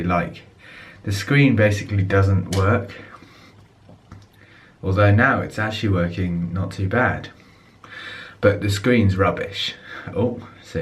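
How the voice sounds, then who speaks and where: A man's voice: low-pitched, a little hiss or hum. A young man, chatting casually to camera in a rambling, filler-heavy vlog. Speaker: vlogger.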